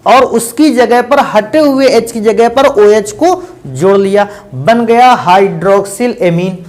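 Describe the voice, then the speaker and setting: A man's voice: extremely high pitch, darkish tone. A man teaching chemistry in a lecture. He calls his students beta and bhaiya and keeps asking questions and answering them himself. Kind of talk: classroom lecture.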